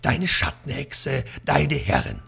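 A man's voice: mid-range voice, huge pitch swings, takes it slowly, creaky, a bit bright, husky, exaggerated voice. A man voicing a scheming old female shadow witch in a hissing whisper, read from a book in a game.

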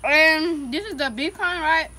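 A woman hosting a casual food challenge vlog, excitable and giggly, talking straight to her viewers. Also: high voice, unhurried. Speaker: host. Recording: noisy home recording.

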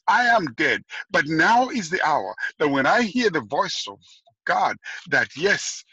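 A man's voice: fairly high pitch, pushed and bright, slightly rough, no echo, dull audio. A man preaching a sermon, emphatic and repeating his key phrases. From Zambia.

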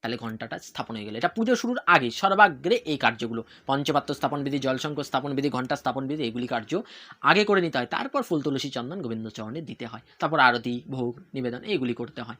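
Bright-voiced devotional teacher, rhetorical questions. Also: mid-range voice, expressive, fast talker. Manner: asks rhetorical questions and answers them; repeats key points. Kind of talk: instructional talk on worship ritual.

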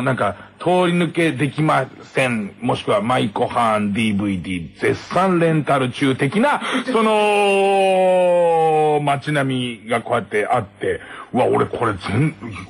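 A man's voice: a little high, slightly rough. A man hosting a late-night radio show, telling a rambling, self-mocking comic story and laughing at his own jokes into a studio microphone.

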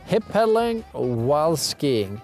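Fairly high-voiced young male ski instructor. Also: sing-song, slow pace, a little mellow. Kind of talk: casual instructional talk to camera. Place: outdoors on a snowy mountain. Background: music.

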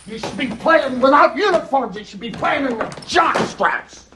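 Ranting basketball coach, wildly swinging pitch. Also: male voice, sing-song, moderate pace, very noisy. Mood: furious, berating. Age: middle-aged. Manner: ranting, profane, swinging from weary mutter to shouting. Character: furious, exasperated middle-aged college basketball coach. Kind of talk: halftime-style locker room pep speech, film acting. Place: locker room.

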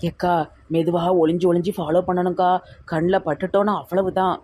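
Comedy sketch: woman plays an eager sidekick, rapid delivery, Tirunelveli Tamil accent. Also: on the low side, fairly even intonation, dark tone, slight background noise, close to an everyday voice. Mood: urging.

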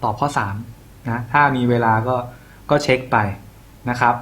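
ติวเตอร์ชายพูดกันเองแบบพี่สอนน้อง. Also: male voice, medium pitch, steady tone, normal speed, fairly bright tone. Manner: casual, slangy, talks to students as an older brother. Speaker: exam tutor. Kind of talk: casual exam-prep lesson.

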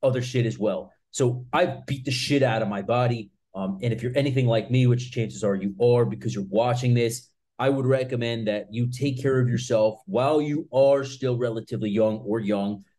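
A man in his mid-thirties with a warm, mid-range voice hosts a martial arts channel, speaking to camera at a normal pace with few pauses. His advice is casual, blunt and emphatic, full of informal, sweary phrasing.

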